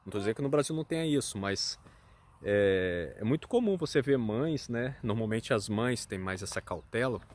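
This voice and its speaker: A man's voice: medium pitch, animated, normal speed. A Brazilian man with a Brazilian Portuguese accent talking casually as a channel host, hesitant and full of fillers and hedges. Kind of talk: casual chat.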